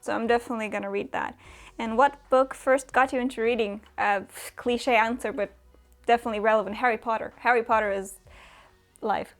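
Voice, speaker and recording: A woman's voice: fairly high pitch, steady tone, brisk, faint music behind. A young woman from Romania chatting casually as a booktuber answering viewer questions, with lots of fillers and small laughs. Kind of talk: casual chat.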